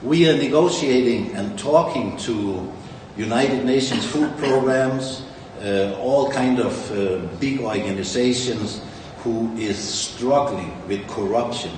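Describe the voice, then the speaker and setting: In a big, echoey conference hall, a man from Denmark delivers a slow, rambling, self-praising talk about the company he founded. His pitch is medium, and the distant mic catches faint ambience and background noise.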